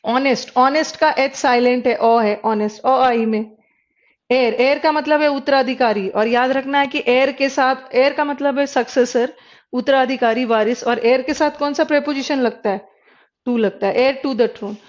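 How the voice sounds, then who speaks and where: A woman teaching an exam-prep English class, sounding out letters and words slowly to explain pronunciation while mixing Hindi and English. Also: high voice, steady tone. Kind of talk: classroom lecture. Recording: dull lo-fi recording.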